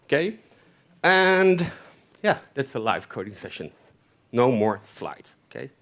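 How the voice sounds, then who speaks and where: Speaking slowly yet very animatedly, this medium-pitched, fairly bright-toned man from France delivers a conversational conference tech talk on stage. His French accent is clear, and he keeps checking in with listeners by asking "okay?".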